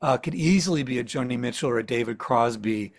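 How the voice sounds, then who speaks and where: A man's voice: medium pitch, fast. A singer-songwriter and music professor, a man, talking casually in an interview and acting out his own thoughts in quotes. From central Ohio.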